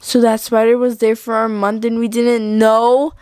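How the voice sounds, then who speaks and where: A woman voicing a young girl doll in doll pretend play, squealing high when she is scared of a spider. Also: level tone, moderate pace, darkish tone, clean tone, no room sound, lightly acted. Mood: worried.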